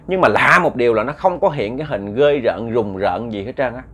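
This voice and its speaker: A man's voice: medium pitch, lively intonation, fairly quick, fairly bright tone, slightly rough. A man narrates a ghost story in a loose, conversational way. He stumbles over repeated words and keeps turning to address his listeners directly. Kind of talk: casual spoken storytelling.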